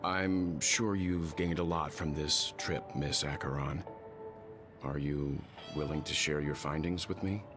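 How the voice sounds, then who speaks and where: A cunning, courteous young man in a game, his voice extremely deep and smooth. A musical score runs under his lines. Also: fairly even intonation, unhurried, over music. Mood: smooth, probing. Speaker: game character voice. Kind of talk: game cutscene dialogue.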